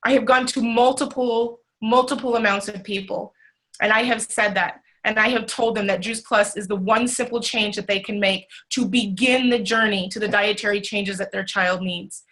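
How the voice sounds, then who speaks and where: A woman's voice: medium pitch, fairly even intonation, moderate pace, fairly bright tone, low-quality recording. A woman in her forties giving a heartfelt motivational talk on a call, earnest and repeating her key phrases. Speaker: presenter.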